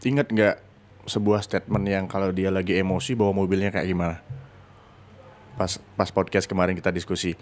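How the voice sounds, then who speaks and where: A man telling a story in casual chat, animated, jumping up in pitch to act out what others said. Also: a little fast, a little hiss or hum. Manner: animated, acts out quoted voices with sudden high pitch. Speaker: podcast guest storyteller.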